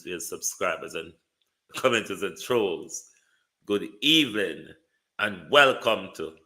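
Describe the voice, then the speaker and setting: A man with a Jamaican accent hosting a live political talk stream, speaking theatrically, moving between calm and indignant heat. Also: low-pitched. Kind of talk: live political commentary to viewers.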